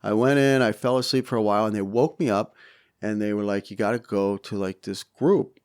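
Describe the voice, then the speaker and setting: A man's voice: fairly low pitch, a little fast, clear, resonant tone. A middle-aged man, a podcast guest, telling stories in casual interview talk, acting out quotes with frequent swearing. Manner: animated storyteller, acts out quotes, frequent swearing.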